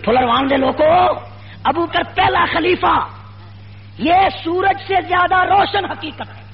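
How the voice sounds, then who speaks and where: A man giving an impassioned rally speech at a public gathering, full of repetition, shouted rhetorical questions and call-and-response. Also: extremely high pitch. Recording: lo-fi with faint hum.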